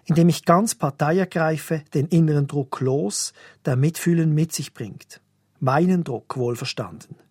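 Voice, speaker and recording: A middle-aged man, a pastor, reading a reflective scripted sermon with a calm, questioning manner. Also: a little high, breathy edge, no echo, clean studio sound.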